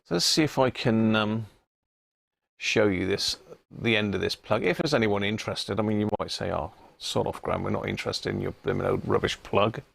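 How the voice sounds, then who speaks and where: Brisk and fairly low-pitched, with vocal fry and a fairly bright tone, a middle-aged Englishman chats informally on a live stream for a radio hobby channel. He rambles and thinks aloud as he demonstrates. The wireless body-pack recording is dry and studio quality.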